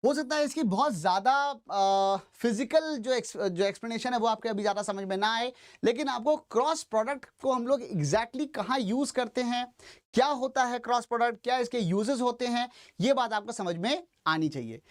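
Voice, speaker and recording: A man's voice: very high voice, normal speed. A male teacher giving a step-by-step classroom lecture at a board, addressing his students directly and slipping English phrases into his Hindi.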